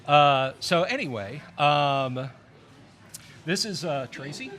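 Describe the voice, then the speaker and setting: A man's voice: on the high side, lively intonation, slow pace, fairly bright tone. A man appearing as a regular podcast guest, talking casually with lots of hesitant fillers and self-deprecating jokes. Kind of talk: casual chat. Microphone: headset mic.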